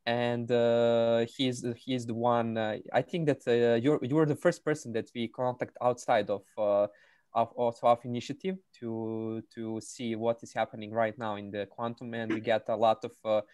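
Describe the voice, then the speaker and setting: A native Serbian speaker hosts an online meetup in a middling voice. He is halting and full of fillers and restarts. The sound is dry and close, without room echo. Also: mid-range voice, fairly even intonation, darkish tone, clean tone. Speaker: meetup host. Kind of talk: introducing a speaker. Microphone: video call.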